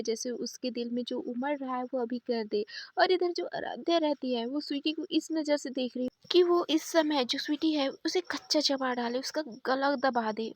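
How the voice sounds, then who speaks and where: A woman retelling a love story in a chatty, casual way, full of repeated fillers. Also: sits high.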